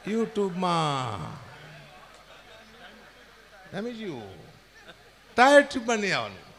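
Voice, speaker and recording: A man's voice: high-pitched, wildly swooping pitch, takes it slowly, creaky, fairly bright tone. A man telling jokes as a folk comedian, chatty and teasing. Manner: chatty, teasing, punchline-driven. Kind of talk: stand-up storytelling at a folk gathering.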